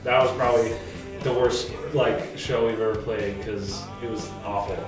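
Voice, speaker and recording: A man's voice: lowish voice, steady tone, normal speed. A twenty-year-old man, a band's guitarist, telling stories loosely in a casual documentary interview, full of "like". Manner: loose storyteller, heavy use of "like". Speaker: guitarist in a band. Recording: echoey room, distant mic, music underneath.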